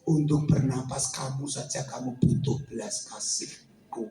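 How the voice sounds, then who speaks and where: A man voicing God, hushed and solemn. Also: mid-range voice, level tone, measured pace, echoey room, recorded from a distance, music in the background, voice pushed down, natural voice, rough recording. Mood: solemn rebuke. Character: God, a calm, stern fatherly male divine voice.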